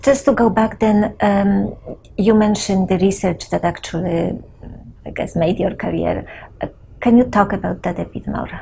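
A woman's voice: medium pitch, fairly even intonation, moderate pace, creaky, warm tone, a little hiss or hum. A woman interviewing a guest, asking hesitant questions with false starts. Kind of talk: oral history interview questions.

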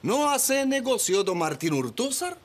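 Padre inmigrante terco. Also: male voice, very high voice, unhurried, husky, exaggerated voice. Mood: firm. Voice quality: broken ungrammatical Spanish, lively emphatic delivery. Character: proud immigrant father, broken Spanish, stubborn and devout. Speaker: immigrant father and shopkeeper. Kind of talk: telenovela acting.

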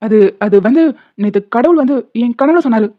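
A petty, gloating male college principal teases his friend in a cartoon, played by a woman. His voice sits high and the sound is tinny and narrow, as if through a phone. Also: expressive, a little fast, no room sound, lightly acted. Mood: evasive. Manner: mocking, gloating.

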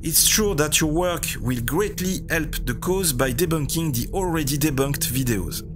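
A man's voice: on the high side, moderate pace. A man with a French accent, a native French speaker, delivering critical, sardonic scripted commentary as the host of a video channel. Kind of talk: scripted commentary rebutting a TV show. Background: background music.

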